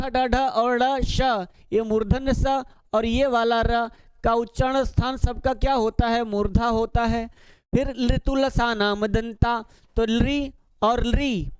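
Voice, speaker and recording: A man's voice: very high-pitched, clean tone, no echo. A man teaching a grammar lesson for exam preparation, explaining step by step and asking his students rhetorical questions. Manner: speaks directly to students, casual and coaxing.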